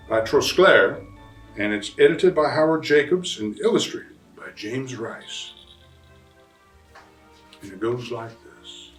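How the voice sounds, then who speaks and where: A man's voice: medium pitch, close to an everyday voice. A man playing jolly old Santa Claus at story time, speaking to children in a friendly way. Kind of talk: storytime greeting. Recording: roomy, distant mic, faint music.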